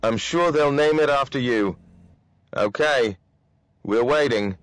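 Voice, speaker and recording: A man's voice: mid-range voice, moderate pace, dry recording, pitched above the performer's own voice, close to an everyday voice. A man reading aloud and voicing a firm, persuasive male commander who gives instructions. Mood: enthusiastic.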